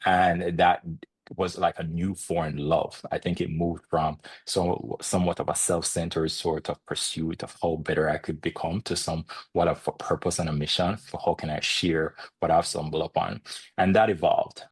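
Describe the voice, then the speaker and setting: A man's voice: deep voice, little pitch movement, moderate pace, husky, dry recording. A man in his thirties from Jamaica with a Jamaican accent, a fitness expert being interviewed, reflective and often laughing as he tells his story.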